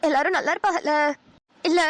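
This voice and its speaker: A woman's voice: extremely high pitch, fast talker. A woman voicing an anxious young runaway bride. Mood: worried. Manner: soft, worried, pleading. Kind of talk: cartoon voice acting.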